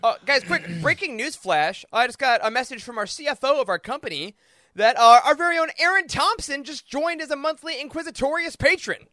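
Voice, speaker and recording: A man hosting a casual podcast chat, talking in an excitable, gushing way. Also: very high-pitched, fairly quick, no echo, clean studio sound. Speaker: podcast host.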